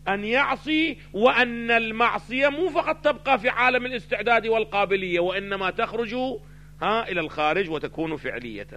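A man teaching a theology lesson, asking his listeners questions and answering them himself, swinging between loud stressed phrases and quiet asides. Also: sits high, animated, quick pace. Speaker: religious teacher. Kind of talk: theology lecture mixing classical and colloquial Arabic.

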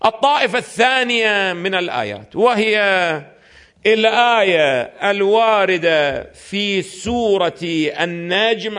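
High-voiced man lecturing. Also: a bit bright. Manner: asks his listeners rhetorical questions and answers them himself. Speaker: religious scholar lecturing. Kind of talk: classroom lecture on legal theory.

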